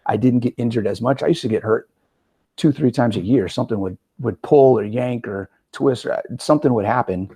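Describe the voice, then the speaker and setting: A man in his forties hosting a casual interview as a coach, talking in an energetic, conversational way with frequent "right?" asides. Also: mid-range voice, brisk, creaky, slightly rough. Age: 40s. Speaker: podcast host and metabolic coach.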